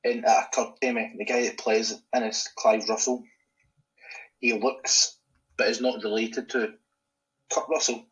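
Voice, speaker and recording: A man's voice: mid-range voice, flat delivery, measured pace, long pauses, fairly bright tone, low-quality recording. A Scottish man co-hosting a casual podcast in a laid-back, chuckling way. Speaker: podcast co-host. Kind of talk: casual chat.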